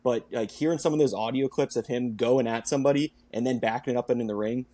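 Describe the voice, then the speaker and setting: A man's voice: mid-range voice, fast talker, mellow. Young man, podcast co-host, mid-range voice, easygoing, laughs a lot. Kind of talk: casual sports chat.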